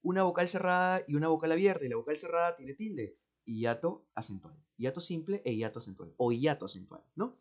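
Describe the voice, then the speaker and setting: A man with a Peruvian accent explains exam answers step by step, speaking slowly, repeating words and often checking with "¿no?" or "¿cierto?". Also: a little high, expressive. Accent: Peruvian Spanish. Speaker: teacher. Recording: dull, muffled audio.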